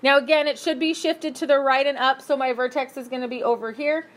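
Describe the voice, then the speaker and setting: A woman teaching a math class, brisk and upbeat, asking her students questions as she works through problems. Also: sits high, fairly even intonation. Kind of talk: classroom lesson.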